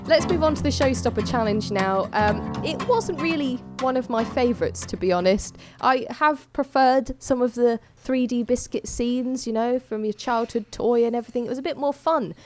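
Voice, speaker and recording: A woman's voice: on the high side, normal speed, hardly any pauses, darkish tone, soft background music. A woman hosting a podcast, chatting casually about a baking show with light amusement. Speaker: podcast host. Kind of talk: casual chat.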